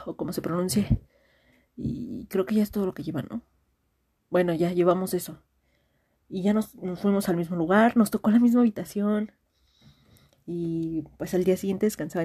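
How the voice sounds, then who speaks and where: Husky-voiced Mexican woman rambling casually. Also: on the low side, mellow. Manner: rambling, slangy, frequent restarts and fillers. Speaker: friend sending a voice message. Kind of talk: casual confiding story.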